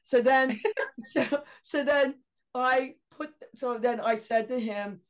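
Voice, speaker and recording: Middle-aged woman telling a lively story. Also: high-pitched, slow. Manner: animated anecdote with laughs and quoted dialogue. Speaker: guest. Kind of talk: casual storytelling.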